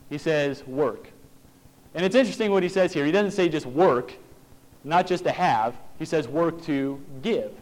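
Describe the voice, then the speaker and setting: Earnest male preacher, plain-spoken, voice a touch high. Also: rough recording. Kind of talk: sermon.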